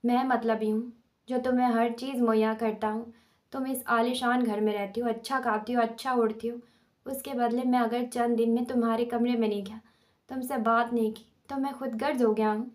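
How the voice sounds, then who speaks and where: A woman voicing a young husband in a storybook reading, clipped and self-justifying, sitting a little high and staying on a narrow, level pitch. The delivery is sober and controlled rather than loud. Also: flat delivery, close to an everyday voice. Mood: defensive. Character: young husband, tense and defensive.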